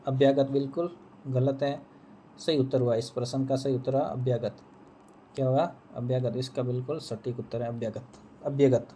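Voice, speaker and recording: A man's voice: medium pitch, steady tone, a little fast, warm tone, slight background noise. A man teaching Hindi, walking through an exam answer key, who repeats each answer and asks and answers his own questions.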